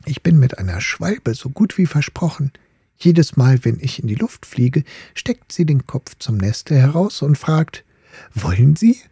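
A man voicing a haughty, coy little ball, a proud lady, in a fairy-tale reading, prim and partly breathy. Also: a little high, mellow, no room sound, studio quality, voice pushed up, exaggerated voice.

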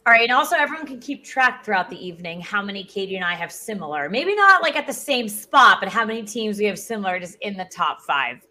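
A woman's voice: mid-range voice, animated, fast, few pauses, sharp tone. A woman hosting a sports show, leading a ranked countdown in informal, emphatic conversation. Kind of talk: casual sports countdown chat, leading the rankings.

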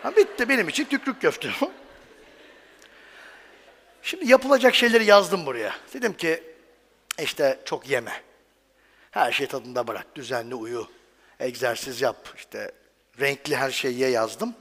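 A man's voice: medium pitch, animated, takes it slowly, pauses often, sharp tone. A man giving a stage talk in a chatty, joking way, often putting questions to the audience. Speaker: medical professor giving a talk. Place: large hall on stage. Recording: reverberant hall.

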